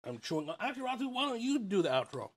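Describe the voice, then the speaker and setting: Animated, foul-mouthed podcast co-host man. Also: extremely high pitch, racing, slight background noise. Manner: animated, swears freely, jokes around. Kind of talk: casual chat.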